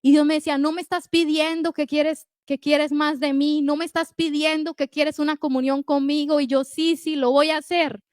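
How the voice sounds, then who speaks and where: A middle-aged woman delivers an emphatic, story-driven sermon in a high voice. She speaks directly to her listeners. The recording is dry and close, with no room sound. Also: level tone, moderate pace, few pauses, no echo. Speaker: preacher.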